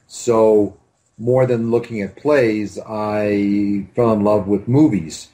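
This Canadian man, a film director, rambles hesitantly through memories in an interview over a video call, picked up by his computer mic in a room with bookshelves. He talks slowly in a low, steady, dark-toned voice.

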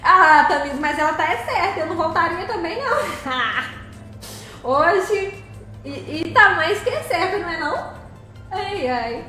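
A woman's voice: extremely high pitch, lively intonation, measured pace, pushed and bright, very echoey, faint music behind. A woman, live streaming as she drives a truck game, cheerfully greeting viewers by name and giggling.

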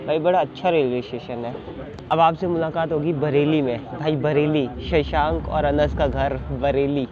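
A man's voice: a little high, steady tone, normal speed, crowd noise. A young man vlogging his train journey at night, talking chattily to viewers from the platform and the coach doorway, filming with a phone at arm's length. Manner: chatty, addresses viewers as bhai and guys. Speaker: travel vlogger. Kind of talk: casual travel vlog. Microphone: phone camera at arm's length. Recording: dull lo-fi phone audio with train noise.

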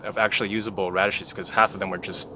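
Young man, lowish voice, relaxed, halting with fillers, outdoor garden, faint ambient noise. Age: young adult. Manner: relaxed, thinking aloud with many fillers. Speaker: first-year farmer. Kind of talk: casual interview. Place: backyard vegetable garden outdoors.

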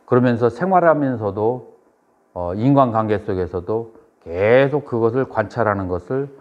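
A middle-aged man, a Buddhist monk lecturing a seminary class, who asks students questions and then answers them, with measured phrasing and pauses. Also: mid-range voice, animated. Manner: measured delivery with frequent pauses and "eo" fillers. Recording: dull lo-fi lecture recording.

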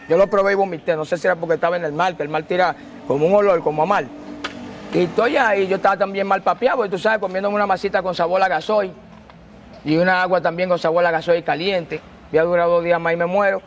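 Guy telling his story all animated and slangy, kinda high voice, faint noise behind. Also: fast talker. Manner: animated, slangy, acts out quotes. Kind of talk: casual storytelling.

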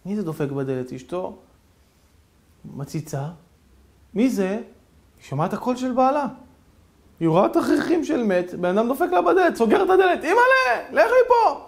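A man preaching as a rabbi, with a high voice. He tells the story theatrically, dropping to a hush and then surging loud. His phrasing is that of a lively congregational sermon. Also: vocal fry, pauses often. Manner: animated, theatrical storytelling with sudden swings in loudness.

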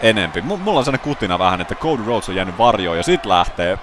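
A man giving excitable play-by-play commentary over a wrestling video game, bursting into loud exclamations. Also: lowish voice, crowd noise.

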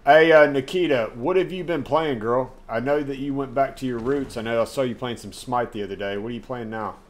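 A man's voice: medium pitch, a little fast. A man streaming a game live from his desk at home. He talks straight to his chat, gets worked up easily and swears. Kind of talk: live gameplay commentary chatting with viewers.

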